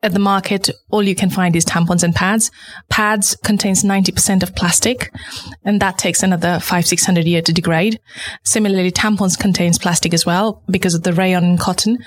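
A woman's voice: fairly low pitch, steady tone, a little fast. Woman from nepal, talking earnestly in an interview, lots of "like". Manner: earnest, explanatory, frequent "like" fillers. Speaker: guest, founder of a menstrual product. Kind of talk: conversational interview.

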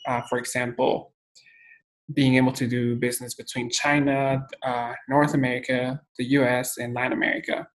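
A young man from Guatemala tells his story as an interview guest, calm and methodical. His pitch barely moves, so the delivery sounds even and level. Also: moderate pace, rough recording. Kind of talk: casual interview answers.

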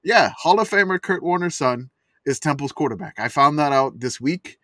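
A man's voice: on the high side, lively intonation, moderate pace, pushed and bright, no room sound. A man hosting a casual sports chat podcast from inside a closet, rambling and chatty with plenty of fillers. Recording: dry, close sound from a closet.

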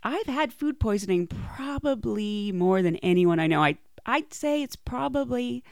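Lively woman with creaky voice, very dry sound. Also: fairly high pitch, unhurried, no room sound. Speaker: podcast host and flight attendant. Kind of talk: casual personal storytelling.

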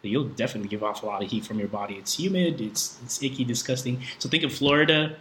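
A podcast guest with a mid-range, fairly bright voice talks fast, joking around in informal, slangy speech. It's a casual conversation recorded in an echoey room with faint background noise.

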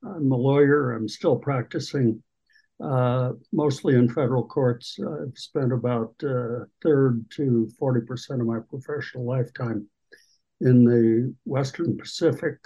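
A man's voice: mid-range voice, a little slow, mellow, slightly rough, lo-fi sound. A man in his eighties introducing himself on a video call in a rambling, hesitant way. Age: 80s. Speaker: panel guest.

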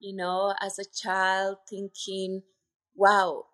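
A woman's voice: mid-range voice, monotone, slow pace, a bit bright. A woman from Colombia with a Colombian accent, speaking earnestly as a podcast guest, with many fillers. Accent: Colombian Spanish. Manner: earnest, heartfelt, with frequent fillers. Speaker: podcast guest, retreat center owner. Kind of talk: casual interview conversation.

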